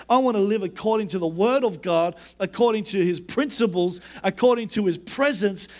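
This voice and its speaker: Preaching as a pastor, a man repeats himself for emphasis and speaks forcefully, turning low and quiet when quoting God.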